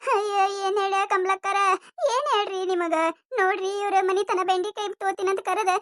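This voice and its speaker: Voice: very high-pitched, level tone, brisk, fairly bright tone. A voice actor playing a wailing, complaining village vegetable seller with a North Karnataka accent in a cartoon comedy.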